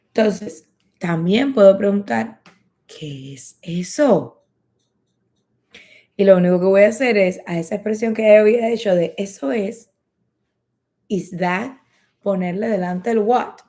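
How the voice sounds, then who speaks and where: A woman teaching English in a lesson, slowly repeating phrases for learners to practice. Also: medium pitch, mellow. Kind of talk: bilingual language lesson.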